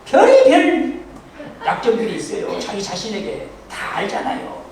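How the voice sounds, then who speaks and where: A male pastor preaching a sermon in a church, animated and joking, now and then bursting into shouts. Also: sits high, brisk, a little hiss or hum. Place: church sanctuary. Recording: echoey church hall, mic from far off.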